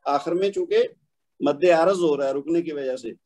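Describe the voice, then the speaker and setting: A man teaching an online Quran recitation class, patiently explaining pronunciation and slowly demonstrating stretched syllables over a video call. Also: on the high side, a little mellow. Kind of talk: online tajweed class instruction.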